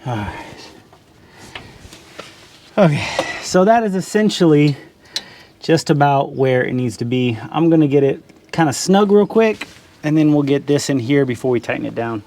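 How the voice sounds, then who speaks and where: A man's voice: on the high side, lively intonation, moderate pace, long pauses, darkish tone, slight background noise. Chatty man narrating garage repairs. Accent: Californian English. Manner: chatty, laughs often, calls viewers guys. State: out of breath. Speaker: garage vlogger. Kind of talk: casual how-to narration. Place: home garage.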